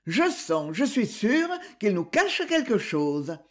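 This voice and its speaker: A woman's voice: mid-range voice, very animated, slow pace. A reader voicing a pleading, insistent aristocratic mother in an audiobook. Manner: imploring, tenderly persuasive.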